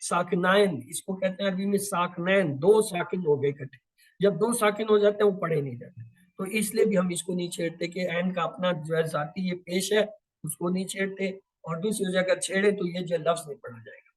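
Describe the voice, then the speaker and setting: A man with a high voice gives a step-by-step grammar lesson on the Quran. He asks his own questions and answers them, drawing out each Arabic drill word slowly. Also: low-quality recording. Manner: draws out and repeats Arabic drill words slowly.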